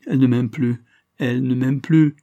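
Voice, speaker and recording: A man's voice: medium pitch, fairly even intonation, normal speed, warm tone, no room sound, highs cut off, voice pushed up, close to an everyday voice. A man voicing a distraught young male engineer in anguish over a lost love in a detective story. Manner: anguished, trembling.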